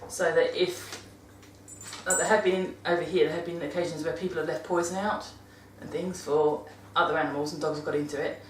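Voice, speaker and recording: Low-voiced British woman in a roomy space. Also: steady tone, brisk, a little hiss or hum. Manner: chatty, rambling, self-correcting with laughs. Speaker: vlogger giving dog-care tips. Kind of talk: casual monthly vlog talk. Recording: roomy sound from a distant mic.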